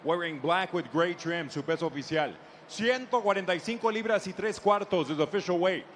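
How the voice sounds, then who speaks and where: A man's voice: sits high, a little hiss or hum. A man working as a bilingual ring announcer, making ceremonial fight introductions and decisions with showman flair. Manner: ceremonial, drawn-out showman delivery of fighter names.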